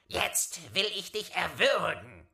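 A man's voice: high-pitched, big pitch swings, slow pace, creaky, sharp tone, reverberant, pitched above the performer's own voice, heavily acted. A man voicing a hostile dead man risen from his coffin, speaking harshly and threateningly in a storybook reading.

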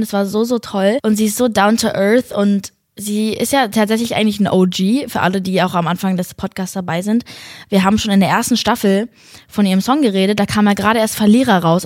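Casting: female podcast presenter, medium pitch, informal slangy delivery, dry close recording. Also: darkish tone, no room sound. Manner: informal, English slang mixed in. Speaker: podcast host. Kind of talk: casual podcast introduction.

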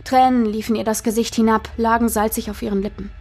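A woman's voice: on the high side, steady tone, fast talker, a little mellow. A woman narrating a dramatic audiobook in a tense storytelling manner.

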